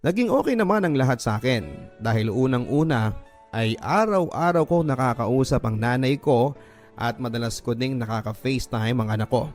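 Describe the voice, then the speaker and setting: Background music accompanies a Filipino-accented radio drama host as he reads a listener's letter as an emotive, scripted first-person story. His medium-pitched voice is expressive and a little mellow, delivered at a moderate pace.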